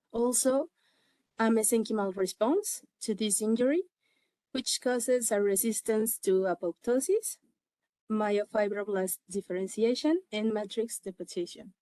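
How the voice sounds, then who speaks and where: A woman with a Mexican accent, a native Spanish speaker, presents academic material at a slow pace. She is halting, often pausing partway through a sentence. The sound is dry, with very little room around her voice. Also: medium pitch, a little mellow, dry recording. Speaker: conference presenter, medical researcher.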